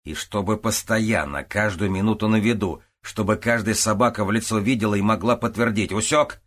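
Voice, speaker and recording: A male narrator reading an audiobook, voicing a gruff, commanding older police captain who gives blunt orders. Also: on the low side, fairly quick, a bit bright. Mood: brusque. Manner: brusque, commanding.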